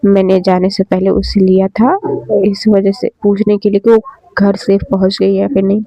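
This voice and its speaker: A woman's voice: medium pitch, little pitch movement, mellow, no room sound, faint music behind, natural voice. A woman doing a tearful, anxious college girl. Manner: halting and upset. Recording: dry, slightly dull lo-fi.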